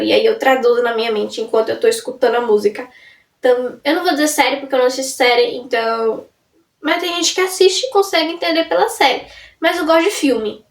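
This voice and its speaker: A young woman vlogging in a casual, rambling way, often breaking off and restarting her sentences. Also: high voice. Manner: rambling, self-interrupting, chatty. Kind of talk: casual chat to camera. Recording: roomy sound from a distance off the mic.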